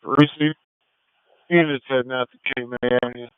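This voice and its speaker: A man's voice: medium pitch, fairly even intonation, moderate pace, background noise. A man working as a police dispatcher, giving terse radio updates in a matter-of-fact, procedural way over a two-way radio. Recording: thin, narrow-band police radio channel.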